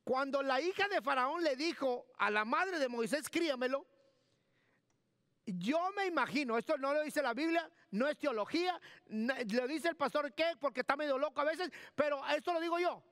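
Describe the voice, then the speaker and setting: A man preaching a sermon with a strikingly high, piercing voice. He hammers key words by repeating them and calls out instructions to the booth. The sound is close and dry, with almost no room echo. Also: lively intonation, normal speed, fairly bright tone. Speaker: pastor. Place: church.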